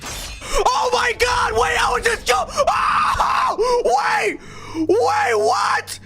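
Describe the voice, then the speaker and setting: A man's voice: very high-pitched, animated, very slow, faint music behind, voice pushed up, heavily acted. A man putting on a young male fan who screams in shock and disbelief. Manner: shrieking, shouting in disbelief.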